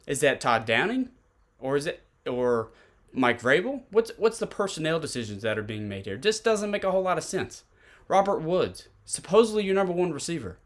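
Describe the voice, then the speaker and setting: A man's voice: fairly high pitch, a bit bright. A man with a Tennessee accent hosting a solo sports podcast, giving conversational football analysis and posing pointed rhetorical questions.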